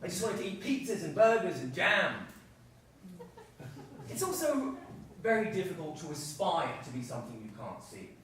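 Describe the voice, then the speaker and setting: A man performs a solo comedy set in a theatre, his storytelling animated and mock-earnest. His voice runs high and bounces around the room. The mic sits far back, with a faint hum underneath. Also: normal speed, long pauses. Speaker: stand-up performer. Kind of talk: live solo comedy show. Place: theatre stage. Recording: echoey stage, far-off mic.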